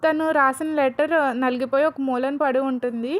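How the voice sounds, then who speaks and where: A woman's voice: sits high, steady tone, moderate pace. A woman casually retelling a story in a chatty, explanatory way.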